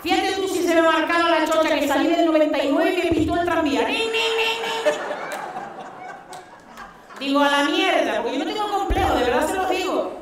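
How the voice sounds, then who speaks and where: In a very echoey hall, heard at some distance, a woman delivers a stand-up monologue in a Canarian Spanish accent. Her voice is high-pitched. She tells it in colloquial, blunt language, acting out the people in her stories. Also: a little fast, a crowd in the background, background noise. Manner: animated storytelling, acting out quoted exchanges. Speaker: stand-up comedian. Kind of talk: stand-up comedy monologue to a live audience. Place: theatre stage, indoors. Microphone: headset microphone.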